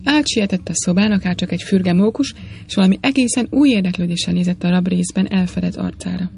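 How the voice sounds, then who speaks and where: A woman narrating a literary audiobook with measured, expressive storytelling. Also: lowish voice, vocal fry, a little hiss or hum.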